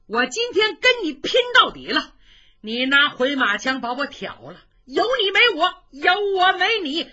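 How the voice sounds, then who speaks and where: A woman's voice: lowish voice, wildly swooping pitch, unhurried, highs cut off, pitched below the performer's own voice, exaggerated voice. A woman doing a raging hot-headed warrior. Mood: furious. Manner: roaring, outraged shouting. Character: hot-tempered male warrior, furious.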